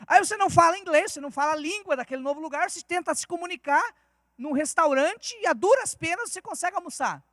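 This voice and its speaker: High-voiced fervent Brazilian preacher. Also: male voice, lively intonation, fast talker, a bit bright, dry recording, clean studio sound. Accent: Brazilian Portuguese. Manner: fervent, with rhetorical questions. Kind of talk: sermon. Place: church.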